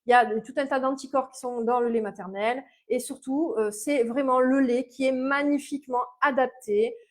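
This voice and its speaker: A woman's voice: sits high, steady tone, moderate pace. Chatty naturopath woman with Mediterranean lilt. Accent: Mediterranean French. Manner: chatty, many fillers and restarts, stresses points with "ok?". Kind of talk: informal health advice video.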